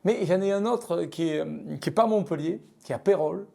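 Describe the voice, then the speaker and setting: A middle-aged man with a southern French accent answers interview questions frankly. His voice is gravelly and mellow, sitting a little high. He often pauses, fills gaps and restarts his phrases. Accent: southern French (Midi). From France, Lozère. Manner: frank, hesitant, many fillers and restarts. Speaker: guest, business leader. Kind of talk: casual interview talk.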